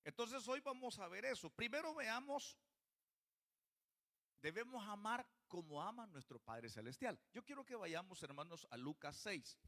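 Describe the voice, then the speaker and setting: A man's voice: high voice, sing-song, normal speed, pushed and bright. A male pastor preaching a sermon in church, often putting questions to the congregation.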